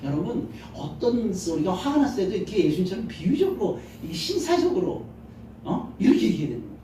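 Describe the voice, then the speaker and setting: A male pastor preaches a Sunday sermon in a large church sanctuary, acting out little scenes and asking the congregation questions. His high, mellow voice is very animated and fairly quick. Recorded on a handheld mic heard from a distance, the hall is very echoey, with a little hiss or hum.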